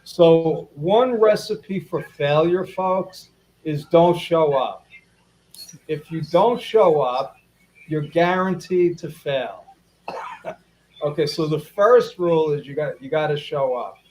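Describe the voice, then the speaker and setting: A man's voice: a little high, expressive, slow, a little mellow, low-quality recording. A man hosting a casual live interview, chatty, repeating himself and talking to viewers as folks. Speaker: interview host.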